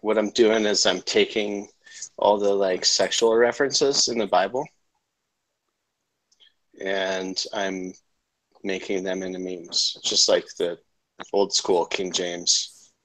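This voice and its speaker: A man co-hosting a casual podcast chat, speaking in a rambling, halting way. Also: on the low side, fairly even intonation, a bit bright, rough recording. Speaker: podcast co-host.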